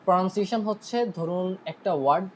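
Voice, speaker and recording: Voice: medium pitch, fairly quick, a little hiss or hum, low-quality recording. An IELTS teacher from Bangladesh with a Bangladeshi Bengali accent, giving a casual online lesson in a chatty way, often checking in with listeners, stopping to correct itself and mixing English terms into the explanations.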